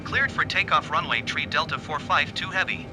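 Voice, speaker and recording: A man's voice: moderate pace, loud music behind the voice. A man as an airline pilot, making terse, formulaic radio calls from the cockpit over a headset. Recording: loud aircraft engine rumble behind.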